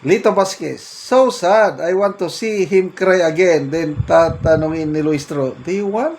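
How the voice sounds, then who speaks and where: A man's voice: fairly high pitch, unhurried, a little mellow, a little hiss or hum. A middle-aged Filipino man doing casual reaction commentary, reading out comments and laughing often in an amused, mocking way. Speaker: political commentary vlogger.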